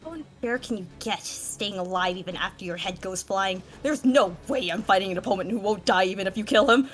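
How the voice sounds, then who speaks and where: A woman's voice: medium pitch, brisk, faint music behind, natural voice. A woman voicing a bold young female swordswoman, wry and defiant, in a fan reading of a game story.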